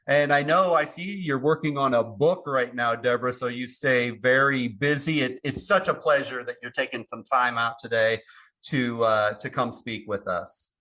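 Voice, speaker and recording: Bright-voiced podcast host. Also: male voice, medium pitch, moderate pace. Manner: polite, encouraging, with brief interjections. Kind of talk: podcast interview.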